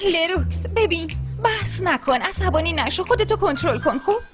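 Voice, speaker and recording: A very high-voiced fretful young woman. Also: expressive. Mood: tense. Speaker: dubbing actor. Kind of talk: dubbed TV drama. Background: music.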